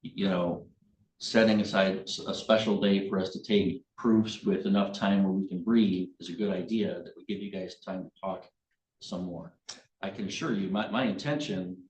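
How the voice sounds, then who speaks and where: Halting male judge in an echoey room. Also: sits low, steady tone, a little mellow. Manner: halting, restarting phrases. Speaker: judge presiding over a hearing. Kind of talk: courtroom remarks from the bench. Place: courtroom. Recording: roomy, echoey courtroom with noise and clicks.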